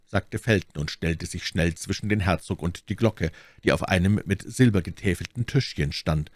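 A man narrating a classic novel as an audiobook in a measured storytelling manner. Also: low-pitched, no echo.

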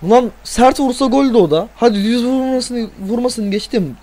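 A young man from Turkey commenting on his own football video game, excitable and swearing, yelling at the players on screen. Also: very high-pitched, moderate pace. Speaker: gaming channel host. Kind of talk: let's play commentary.

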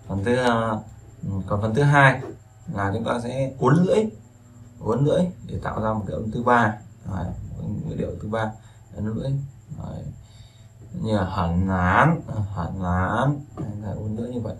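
A man's voice: fairly low pitch, a little fast. A man teaching a language lesson in a casual, rambling way, with many fillers and repeated words. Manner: relaxed, rambling, with frequent fillers and repetitions. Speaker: Chinese teacher.

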